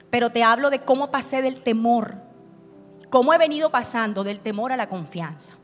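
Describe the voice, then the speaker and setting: A woman pastor, preaching an emotional testimony at a conference and acting out her own past words. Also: on the high side. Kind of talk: conference sermon with personal testimony. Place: large church hall. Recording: church hall reverb with soft music.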